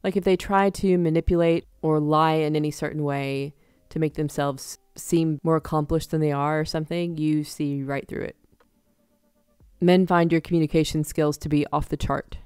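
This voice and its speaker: A woman giving a casual tarot reading to her viewers, chatty and quick to laugh, acting out little examples. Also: low-pitched, steady tone, darkish tone, clear, resonant tone, no room sound, studio quality. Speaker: tarot reader.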